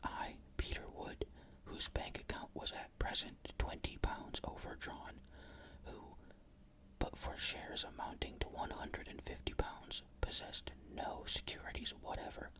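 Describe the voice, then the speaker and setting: A storyteller whispers a literary ghost story without voicing the words. The whisper is breathy and crisp-edged, with a bright, sharp sound. The phrasing is measured and careful throughout.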